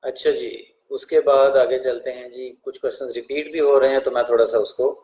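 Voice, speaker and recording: A man, a teacher answering students' exam questions in a relaxed live question-and-answer session. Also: medium pitch, brisk, echoey room, a little hiss or hum, rough recording. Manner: relaxed, reads out questions and answers them in turn.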